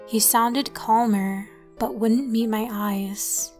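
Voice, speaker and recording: Slow, soft-spoken female horror narrator. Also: a little high, soft background music. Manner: soft, calm and unhurried delivery. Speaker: first-person narrator.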